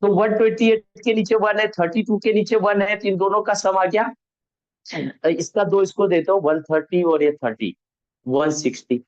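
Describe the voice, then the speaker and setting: A high-pitched man teaches a networking class over a video call. He keeps asking his students questions, answers each one himself and stops to fix his own slips. The sound is dull and lo-fi. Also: moderate pace, darkish tone. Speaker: networking instructor. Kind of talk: online class lecture.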